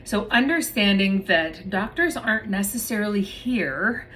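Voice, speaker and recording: A woman's voice: medium pitch, animated, a little slow, a bit bright, slight background noise. A woman myofunctional therapist chatting casually and explaining plainly to her viewers, calling them "you guys". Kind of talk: casual educational talk to viewers.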